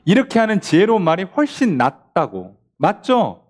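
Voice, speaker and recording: A middle-aged male pastor teaches a Bible study in a chatty, questioning way. His voice sits somewhat high and moves a lot, rising and dropping as he acts out short quoted lines and throws rhetorical questions at his listeners. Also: wildly swooping pitch, moderate pace, a little mellow. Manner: conversational preaching with rhetorical questions and acted-out quotes.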